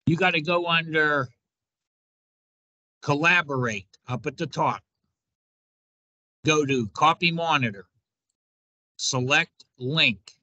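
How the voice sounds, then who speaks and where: Bright-voiced man teaching software steps. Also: fairly high pitch, slow pace, long pauses, no room sound. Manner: informal step-by-step instruction, repeated "watch". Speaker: instructor. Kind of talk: screen-recorded software tutorial.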